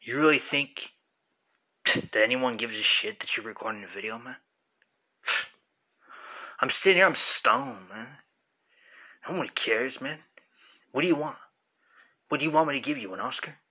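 Husky stoned tough guy, man arguing with himself. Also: mid-range voice, bright, forceful tone, pitched below the performer's own voice, heavily acted. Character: stoned, dismissive, sighing, hostile big tough guy. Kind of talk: comic self-argument skit. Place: small room indoors. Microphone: phone at arm's length.

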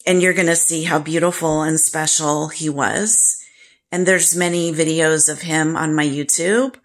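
A woman shares a painful personal story with her viewers and speaks slowly and haltingly. Her grief is always near the surface. The voice carries a steady gravelly fry. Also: low voice. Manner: slow, halting and grief-stricken. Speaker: vlogger.

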